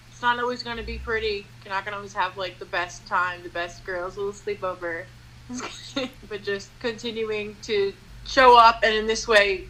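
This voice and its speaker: A woman's voice: medium pitch, sharp tone, rough recording. A woman appearing as a podcast guest, giving advice on friendship in an earnest, upbeat way. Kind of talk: casual conversation.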